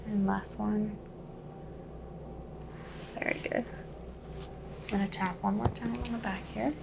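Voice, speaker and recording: A soft-spoken woman in an ASMR medical exam, acting as examiner and calmly explaining each step with gentle instructions. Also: mid-range voice, unhurried, creaky, noisy background.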